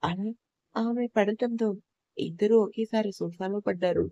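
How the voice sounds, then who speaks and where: A woman narrating an audio love story in a steady, even storytelling manner. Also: medium pitch, unhurried, dry recording, lo-fi sound.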